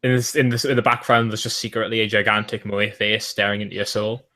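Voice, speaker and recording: A man's voice: on the low side, level tone, quick pace, pushed and bright. A man co-hosting a casual podcast, laid-back and playfully riffing on jokes. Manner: joking, laid-back, riffs on silly ideas. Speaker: podcast co-host.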